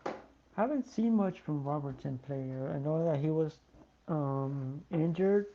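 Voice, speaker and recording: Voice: lo-fi sound, a little hiss or hum. Sleepy fan calling a live match. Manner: tired, yawning, slow and low-key. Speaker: fan commentator. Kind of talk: live watch-along commentary.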